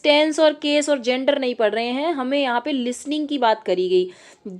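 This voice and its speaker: A woman with a high voice teaches an online exam-prep class. She reads each English question out slowly, then explains it directly to her students. She often checks in with a quick "okay". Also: a little mellow.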